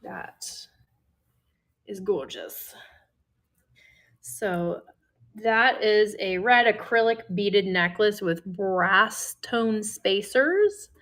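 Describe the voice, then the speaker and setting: Midwestern woman host, relaxed slow livestream seller who chats to herself. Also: mid-range voice. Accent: Midwestern American. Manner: chatty, talks to herself while listing items. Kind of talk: casual livestream selling.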